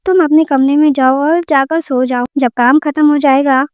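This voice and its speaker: A woman's voice: high voice, steady tone, no room sound, clean studio sound, close to an everyday voice. A woman voicing a busy young husband in a storybook tale, speaking firmly and dismissively. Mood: stern. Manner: firm, dismissive.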